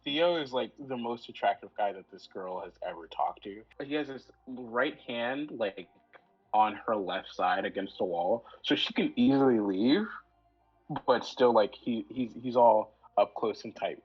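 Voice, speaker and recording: A man narrating as game master in a casual tabletop role-play, with many fillers and quick character voices. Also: mid-range voice, breathy edge, highs cut off.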